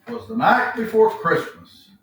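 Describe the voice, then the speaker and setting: A man as jolly old Santa, hearty storyteller, very lively swooping pitch, heavily echoing room, children's read-aloud. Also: measured pace, slight background noise. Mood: storytelling. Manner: hearty, exclamatory, booming ho-ho-ho laughs. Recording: very echoey room, distant mic, faint music.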